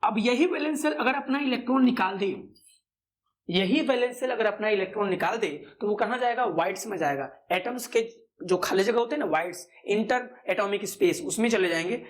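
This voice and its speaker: A male physics teacher lectures in a chatty way. He asks quick questions and answers them himself. He repeats the key terms again and again. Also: high-pitched. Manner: chatty asides, calls students "brother". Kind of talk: classroom-style lecture.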